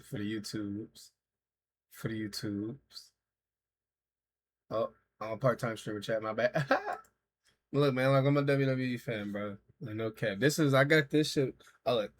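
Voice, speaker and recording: A man's voice: mid-range voice, measured pace. Slangy man in his thirties streaming. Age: 30s. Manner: loose, slangy and profane, talking to chat. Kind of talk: casual reaction stream.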